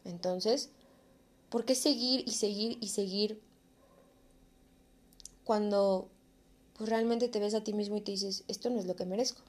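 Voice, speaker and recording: A woman's voice: medium pitch, steady tone, a little slow, long pauses. Earnest young Mexican woman vlogging. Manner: earnest, encouraging, casual slang. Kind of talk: reflective vlog monologue.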